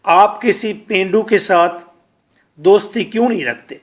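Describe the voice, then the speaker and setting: A man lecturing on spoken English, drilling words slowly and repeating them, switching often between his own language and English phrases. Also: high-pitched.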